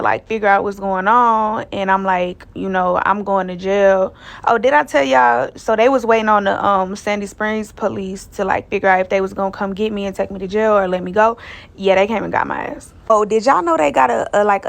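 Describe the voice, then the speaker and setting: A woman with a medium-pitched, gravelly voice tells a personal story casually, full of slang and profanity. She keeps it loose and acts out other people's lines as she retells it.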